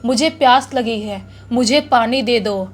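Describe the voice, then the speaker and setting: A woman's voice: a little high, unhurried. A woman voicing a begging ghost girl. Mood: pleading. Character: thirsty wailing ghost girl in a hostel.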